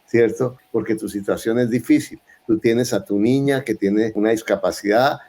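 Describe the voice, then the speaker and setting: A middle-aged man hosting a podcast interview, speaking in an encouraging, emphatic way and closing with a motivational pitch. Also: fairly even intonation, moderate pace, warm tone. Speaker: podcast host.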